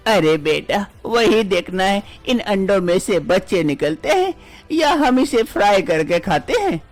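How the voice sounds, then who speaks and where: A woman's voice: mid-range voice, sing-song, measured pace, faint music behind. A woman voicing a bossy older mother-in-law in a cartoon story, scolding and dismissive in a brusque manner. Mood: grumbling.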